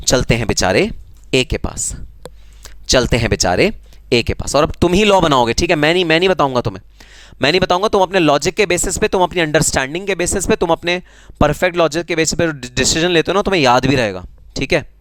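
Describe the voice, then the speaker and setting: A man's voice: on the high side, expressive, a little fast, a bit bright, no echo. Teasing Indian man teaching tax. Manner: teasing, conversational, answers student comments. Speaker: GST teacher. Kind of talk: live online class lecture.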